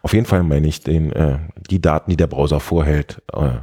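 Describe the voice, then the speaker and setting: A man's voice: rumbling low, fairly quick, warm tone, husky. A man co-hosting a casual tech podcast, explaining step by step with many hesitations and fillers. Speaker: podcast co-host.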